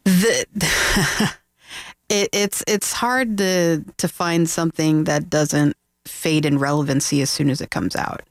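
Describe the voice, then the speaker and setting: A woman talks casually as a guest on a radio program, her voice on the low side. She is modest and self-deprecating, recorded on a dry, close studio mic. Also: fairly even intonation, slow pace, no echo.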